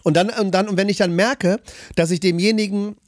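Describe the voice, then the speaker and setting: A man's voice: high voice, fairly even intonation, a little fast, no room sound, clean studio sound. A man co-hosting a podcast in casual chat, opinionated and explaining at length. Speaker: podcast co-host.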